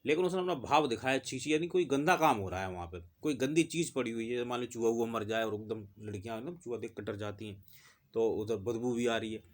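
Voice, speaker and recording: A male teacher explaining a lesson in a conversational way, acting out quoted lines in quick voices. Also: mid-range voice. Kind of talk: exam-prep lesson.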